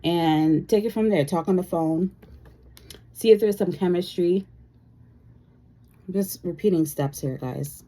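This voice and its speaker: A woman talks in a relaxed, chatty way while doing a makeup tutorial. Her voice is fairly low and soft and mellow. She fills her talk with easygoing "you know"s. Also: measured pace, long pauses. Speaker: beauty vlogger. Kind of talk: casual chat during a makeup tutorial.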